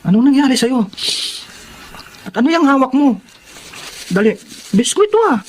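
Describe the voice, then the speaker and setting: An actress playing a blunt, teasing young coworker in an audio drama. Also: female voice, sits high, expressive, moderate pace, darkish tone, a little hiss or hum. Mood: puzzled.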